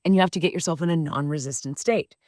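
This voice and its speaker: A fast-talking woman in her 50s with a low-sitting voice hosts a podcast, telling a story from her own life. The sound is clean studio audio with no echo. Her casual style is blunt, animated, emphatic, and full of swearing.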